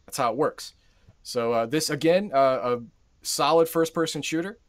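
A man's voice: a little high, moderate pace. Rambling man co-hosting a game stream. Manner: rambling, many fillers and restarts. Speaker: co-host of a game stream show. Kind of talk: casual game review chat.

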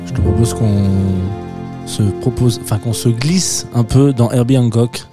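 A man's voice: medium pitch, measured pace. A man with a French accent, hosting a casual chat about music. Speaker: music show host.

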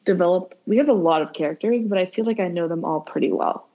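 A woman casually chatting about a TV show, excitable, swearing and laughing often. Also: on the low side, quick pace, phone-quality sound. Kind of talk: casual chat reviewing a TV show.

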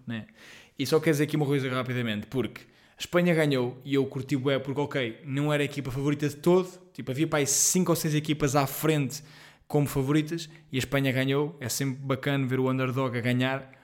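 Chatty young Portuguese podcast host. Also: male voice, medium pitch. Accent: European Portuguese. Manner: rambling, self-deprecating, excitable, heavy slang and fillers. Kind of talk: casual solo podcast monologue. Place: at home.

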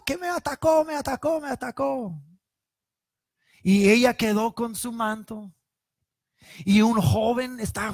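Man preaching, fairly high voice, dramatic retelling, dry close sound. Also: no echo. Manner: dramatic, reads scripture then retells it vividly. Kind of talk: sermon with Bible reading.

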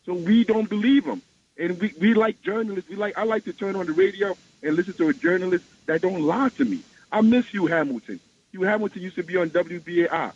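A man with a fairly high voice calls in to a radio show over the phone, speaking in an impassioned, emphatic way. The line sounds dull and muffled, with a faint hiss of noise behind him. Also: expressive, fairly quick. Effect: heard over the phone. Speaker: radio call-in caller. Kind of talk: call-in talk radio.

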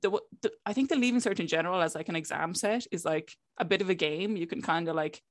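A woman's voice: on the low side, quick pace, no echo, clean studio sound. Young woman with a west of Ireland accent. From County Clare, west of Ireland. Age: young adult. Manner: conversational, frequent filler "like", quoting herself and others. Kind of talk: casual chat, telling personal anecdotes.

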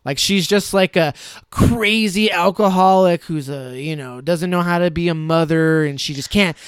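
A man's voice: fairly high pitch, normal speed, clean tone, no echo, studio quality. A man co-hosting a podcast, giving blunt, critical film opinions in casual chat and swearing freely. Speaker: podcast co-host.

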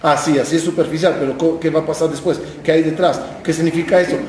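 A man's voice: fairly high pitch, fairly even intonation, fast talker, darkish tone. A man giving a Torah class, telling stories with acted dialogue and asking the listeners questions. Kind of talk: sermon. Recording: very echoey room.

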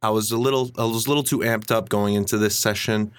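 A man recording a quick inserted correction for his podcast, sounding a bit sheepish as he explains. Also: fairly low pitch, steady tone, smooth, no room sound. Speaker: podcast co-host.

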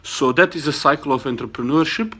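Bosnian-accented man, halting and earnest host. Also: fairly high pitch, pushed and bright, husky. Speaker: host and entrepreneur. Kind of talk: informal video introduction to camera. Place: small studio set up in a garage.

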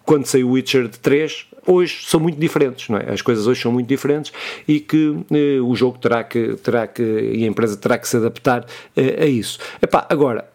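A man's voice: mid-range voice, a little fast, a little mellow. A man with a European Portuguese accent co-hosting a casual gaming news podcast, rambling with many fillers and restarts and swearing freely. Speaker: podcast co-host.

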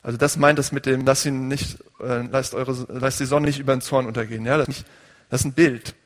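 A man's voice: medium pitch, fairly even intonation, a little fast, big-room sound. A male pastor preaching a conversational sermon and putting questions to his congregation.

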